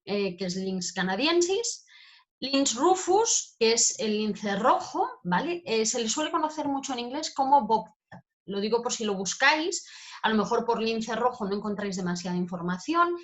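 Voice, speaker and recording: A woman's voice: a little high, sing-song, normal speed. A woman giving an informal talk over slides as a wildlife educator, chatty and full of check-in tags. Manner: chatty, peppers phrases with "¿vale?".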